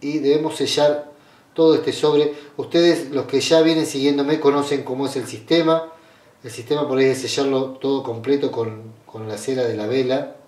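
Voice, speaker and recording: A man with an Argentine accent talks viewers through a ritual in plain, unhurried instructions, often stalling on fillers and restarting his sentences. His voice sits at an ordinary middle pitch. It is caught from some distance by a camera mic in a small room that adds a noticeable echo. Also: fairly even intonation, a little mellow. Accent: Argentine Spanish. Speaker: spiritual ritual guide. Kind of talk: step-by-step ritual tutorial. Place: small indoor room at a red-draped altar table. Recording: roomy, distant camera sound.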